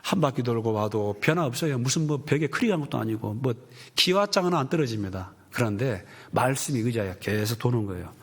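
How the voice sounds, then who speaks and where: Husky-voiced pastor preaching animatedly. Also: male voice, medium pitch, a little fast. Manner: animated storytelling, acting out quoted voices. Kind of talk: sermon.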